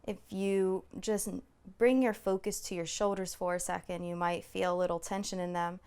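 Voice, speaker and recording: A female meditation teacher guides a body scan, her voice soothing and gently reassuring as she moves unhurriedly and leaves long pauses. Her pitch sits on the low side, and her delivery is flat and smooth.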